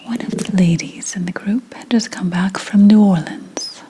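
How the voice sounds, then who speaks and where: Whispering in a natural, medium-pitched voice, a woman recounts her story as a reincarnated seventeenth-century witch in ASMR roleplay. Her hushed, deliberate delivery is mournful and confiding.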